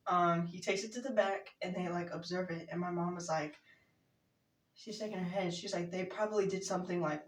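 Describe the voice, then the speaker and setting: A woman telling a funny story as a vlogger, giggling often and rambling with lots of fillers. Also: fairly low pitch. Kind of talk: casual storytime. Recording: roomy echo, mic at a distance.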